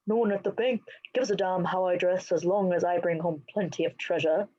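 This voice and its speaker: A woman's voice: lowish voice, steady tone, fairly quick, dark tone, dull audio, natural voice. A woman voicing a patient, laid-back young man.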